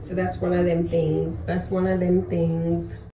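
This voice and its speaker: A woman's voice: fairly low pitch, little pitch movement, unhurried. A woman in her thirties, a mom vlogging her family weekend in a chatty, casual way. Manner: chatty, coos and baby-talks to her daughters. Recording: noisy phone recording.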